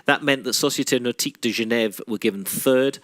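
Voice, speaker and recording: A man commentating live on a sailing race, steady and informative, with frequent "uh" fillers. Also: medium pitch, fairly quick.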